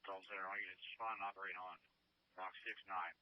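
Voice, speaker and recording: A man's voice: sits low, little pitch movement, fast talker. A man giving clipped dispatch calls over a police radio channel. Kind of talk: scanner radio traffic. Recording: noisy lo-fi scanner radio.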